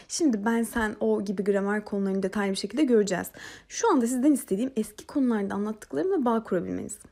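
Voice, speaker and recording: A woman from Turkey teaching a French lesson, patiently repeating phrases slowly for learners. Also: on the high side, dark tone. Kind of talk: language lesson narration.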